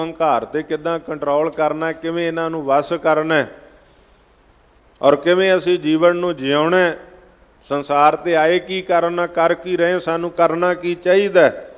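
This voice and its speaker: A man preaching a sermon, chanting scripture lines slowly and then explaining them in plain speech. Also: on the high side, smooth. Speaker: Sikh preacher giving scripture exposition. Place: large gurdwara hall. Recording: long hall reverb.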